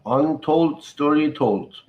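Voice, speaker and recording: A man from Iran hosting a live podcast stream, chatting casually and haltingly with guests and viewers. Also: a little high, reverberant, phone-quality sound.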